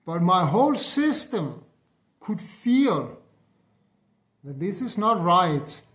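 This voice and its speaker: A man in his fifties from Denmark with a Danish accent, speaking English as a second language in a halting personal monologue with many fillers and restarts. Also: high-pitched, very animated, fairly bright tone. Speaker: spiritual vlogger.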